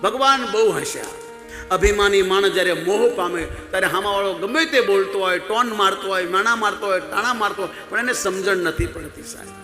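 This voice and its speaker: Male devotional storyteller, emphatic and exhorting, high voice; reverberant hall, faint music behind. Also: brisk, bright, forceful tone. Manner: emphatic, exhorting, addresses listeners as "saheb". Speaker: religious storyteller.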